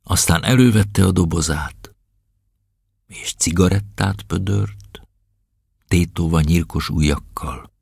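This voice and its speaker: A man narrating a novel as an audiobook, in an expressive, dramatic storytelling manner. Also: low-pitched, vocal fry, long pauses, breathy edge, dry recording, studio quality.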